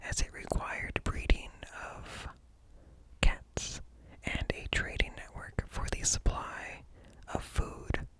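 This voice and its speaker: Close to an ear-to-ear microphone, a male ASMR host reads informational text in a slow, breathy whisper. He speaks deliberately and quietly, breaking the text into short phrases, and the recording is rough.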